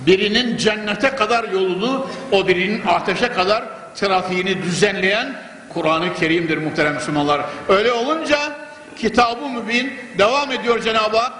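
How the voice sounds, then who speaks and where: An older male preacher with a fairly high voice, heard through a pulpit microphone in a large hall. His fervent, rhythmic delivery rings with long reverb, and steady background noise sits under it. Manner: fervent, rhythmic, repeating phrases for emphasis. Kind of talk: mosque sermon.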